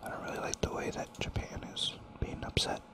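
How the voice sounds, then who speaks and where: Playing a strategy game, this man offers whispered ASMR commentary right up against the microphone. Soft and unhurried, the gaming channel host rambles, thinks out loud, and plays with repeated words.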